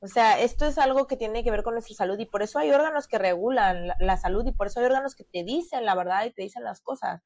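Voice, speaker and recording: A woman's voice: a little high, fast talker, hardly any pauses, darkish tone, dry recording. A woman, co-hosting a podcast and telling her story in an earnest, chatty way with many fillers. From Mexico. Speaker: podcast co-host. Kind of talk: casual podcast chat.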